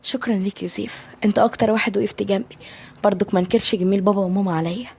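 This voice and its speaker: A woman with an Egyptian Arabic accent voicing a strong-willed young wife and new mother, higher and more heated than her narration. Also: steady tone, rapid-fire, gravelly, darkish tone, husky. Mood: grateful.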